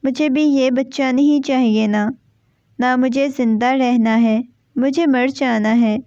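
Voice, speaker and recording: A woman's voice: sits high, steady tone, mellow, no room sound. A woman reading as a frightened, tearful young wife. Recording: dull, dry lo-fi recording.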